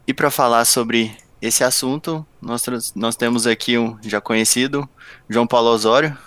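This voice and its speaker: A man's voice: medium pitch, fairly even intonation, moderate pace, a bit bright, no room sound. A man with a Brazilian accent hosting a podcast in a casual, conversational style. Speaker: podcast host.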